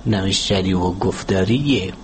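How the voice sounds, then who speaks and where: Measured Afghan Dari-accented man, low voice. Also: a little hiss or hum. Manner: measured, didactic, gives examples. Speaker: linguist guest. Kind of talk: explanatory interview answers.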